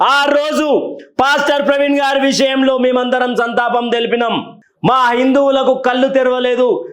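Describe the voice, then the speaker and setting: A man giving heated political commentary, scolding and taunting, repeating his questions. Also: extremely high pitch. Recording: roomy echo.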